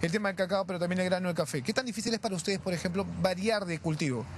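A man's voice: high-pitched, a little hiss or hum. A young man reporting live from an outdoor stand, interviewing people with a handheld mic. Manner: brisk, leading questions with tag questions. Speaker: field reporter. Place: outdoor plaza stand, in the city.

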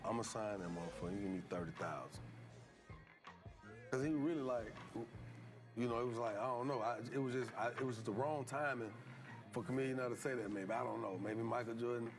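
A man's voice: mid-range voice, steady tone, brisk, over music. A man telling a long, profane anecdote in casual talk, laughing often. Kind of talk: casual storytelling.

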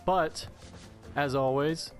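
A man's voice: on the high side, takes it slowly, faint music behind. A young man doing jokey, rambling let's-play commentary as channel host.

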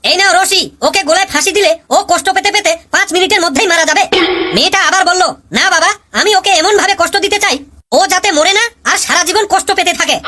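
In this cartoon comedy voice acting, a woman plays a married schoolboy with a cheeky streak, cracking jokes about his wife. She talks quickly in a high, bright voice, spinning chatty stories that land on punchlines.

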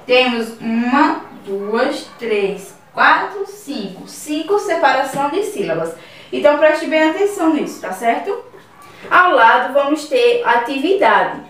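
A woman with a Brazilian Portuguese accent, a primary school teacher giving a recorded class to children, explaining slowly and repeating words syllable by syllable. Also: high-pitched, sing-song, a bit bright, slight background noise. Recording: very echoey room, voice from far off.

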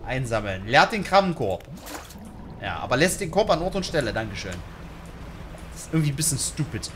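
A young man chatting casually through a game as a YouTuber, slangy, joking and reacting loudly. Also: mid-range voice, very animated, a little fast, a little hiss or hum. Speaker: gaming YouTuber. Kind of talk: casual let's-play commentary.

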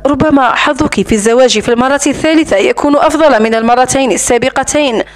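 A sarcastic, taunting man who keeps a woman captive and mocks her coolly, read by a woman in her own high voice. His lines come as part of a storybook reading, with little change from the reader's voice. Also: quick pace, lightly acted. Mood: mocking. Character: mocking, cold-blooded man holding a woman captive.

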